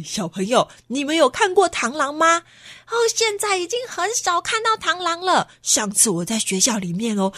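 A woman's voice: on the high side, sharp tone, no room sound, studio quality. A woman reading and telling a children's story, talking directly to the young listeners and asking them questions.

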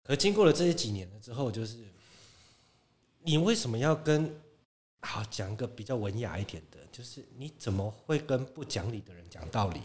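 Male podcast guest, Taiwanese Mandarin accent, animated swings of pitch, outspoken. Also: fast talker, hardly any pauses. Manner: animated, frank, laughs often, mimics critics. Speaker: podcast guest, fitness competitor. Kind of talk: casual podcast chat.

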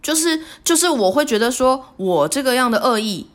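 A woman talks alone on her podcast. Her reflective monologue is halting and remorseful, and she often stops and restarts her sentences. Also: high-pitched, animated. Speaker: podcast host.

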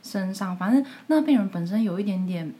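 This is a woman who co-hosts a casual podcast. She talks fast and tells lively stories, acting out the quoted dialogue and laughing often. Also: medium pitch. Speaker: podcast co-host, nurse. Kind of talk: casual storytelling chat.

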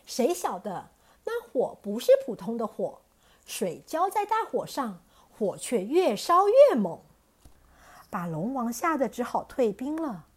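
A woman telling a classic tale to young children, her fairly high voice rising and falling with plenty of expression. She reads with lively warmth and clear pacing for little listeners. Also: unhurried. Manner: animated, expressive reading. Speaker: children's storyteller. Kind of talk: storytelling for children.

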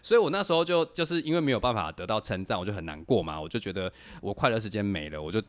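A young man telling personal stories on a casual podcast, animated and laughing as he talks. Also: on the low side, rapid-fire. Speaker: podcast host. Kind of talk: casual storytelling chat.

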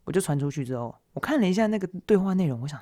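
A young man, hosting a podcast and retelling awkward moments in a casual, animated, self-mocking way. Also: sits high, very fast. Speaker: podcast host. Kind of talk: casual solo storytelling.

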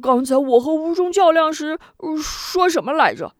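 A woman's voice: high voice, very animated, moderate pace, no echo, clean studio sound, voice pushed up. A woman doing a stammering, dim-witted big brawler. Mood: insistent. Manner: stammering, flustered and insistent. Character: dim-witted excitable big male fighter.

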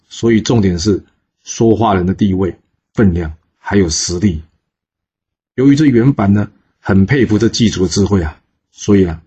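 A man telling a historical story in a lively way, with asides to his listeners. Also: fairly low pitch, husky, highs cut off.

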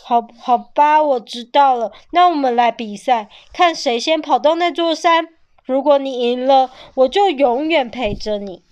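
A gruff, stammering tyrannosaurus dad, played by a woman reading aloud, loud and blustery yet tender underneath. Her voice stays fairly high even while booming, fitting a picture-book tale. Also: measured pace, lightly acted. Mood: solemn. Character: gruff but tender male tyrannosaurus father.

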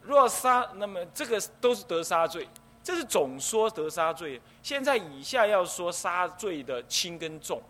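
A man's voice: high-pitched, normal speed. A middle-aged man, a Buddhist abbot, lecturing on the precepts. He explains step by step and acts out the things people might say. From Taiwan. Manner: explanatory, lively, acts out quoted speech. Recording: faint background noise.

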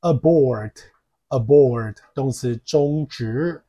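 A man hosting a podcast English lesson, explaining pronunciation and slowly repeating words, with a lively, joking manner. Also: mid-range voice, husky. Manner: lively, jokey aside. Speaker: English teacher. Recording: podcast mic.

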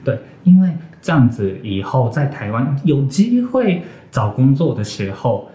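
A man's voice: medium pitch, very animated, measured pace, mellow. A young man from Japan speaking Mandarin as a second language with a Japanese accent and a slight Taiwanese influence, hesitantly searching for words as a podcast guest. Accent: Japanese accent in Mandarin, with some Taiwanese influence. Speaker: interview guest, graduate student. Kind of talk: casual podcast interview. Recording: roomy, echoey sound.

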